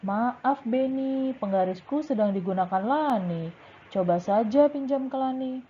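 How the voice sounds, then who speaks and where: A woman's voice: fairly high pitch, measured pace, warm tone, slight background noise, pitched above the performer's own voice, natural voice. A woman voicing a kind, helpful schoolgirl classmate, reading her lines in a cheerful, lilting way. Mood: friendly. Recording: tinny phone-like sound.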